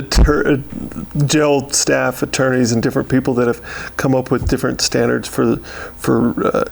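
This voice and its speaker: A man with an American accent talks in a medium-pitched, gravelly voice full of creak. He answers like a sheriff in an interview, steady and unscripted. He pauses often and repeats words as he finds his way. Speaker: county sheriff giving a year-in-review.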